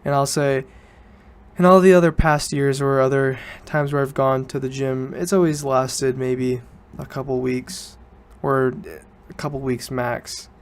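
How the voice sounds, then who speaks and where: With fairly even intonation and a clean tone, this young man speaks a little slowly at a medium pitch. He's a student-age solo podcaster, chatting casually, wandering off topic, and fixing his own words.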